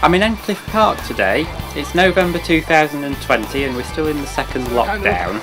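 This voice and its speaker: A man's voice: fairly high pitch, expressive, brisk. A man narrating his vlog in a plain, matter-of-fact way. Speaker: vlog host. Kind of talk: scripted narration. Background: guitar music.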